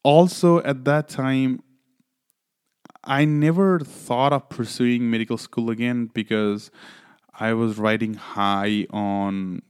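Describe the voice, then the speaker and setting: A man, hosting his own podcast in an earnest, halting way with many fillers. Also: medium pitch, steady tone, a little mellow, clean tone. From Nepal. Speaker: podcast host. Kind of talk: solo podcast monologue.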